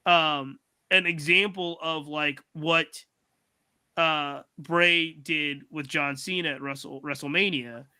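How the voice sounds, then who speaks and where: A man's voice: a little high, steady tone, takes it slowly, sharp tone, clean tone. A man hosting a podcast, talking loosely and hesitantly before handing over the floor. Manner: loose, hesitant, full of fillers. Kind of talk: casual chat.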